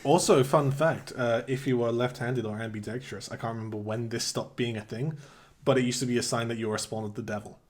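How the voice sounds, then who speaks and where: A man's voice: medium pitch, steady tone, fairly quick. A man from England co-hosting a podcast in casual chat, dry and dropping in fun facts. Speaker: podcast co-host.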